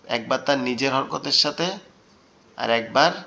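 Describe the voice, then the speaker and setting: A man teaching an online Quran class, drawing out Arabic words slowly and quizzing his students. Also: medium pitch, gravelly, lo-fi sound, crowd noise. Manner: slow, drawn-out pronunciation of Arabic words, asks students questions. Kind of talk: online Quran recitation lesson. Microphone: video call.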